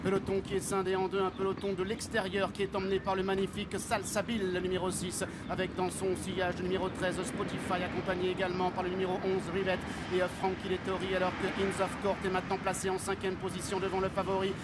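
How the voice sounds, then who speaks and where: High-pitched male race caller, loud background noise. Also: completely flat delivery, quick pace, few pauses. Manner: race-caller delivery, listing runners by number and name. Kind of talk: live horse race commentary. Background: loud outdoor ambience.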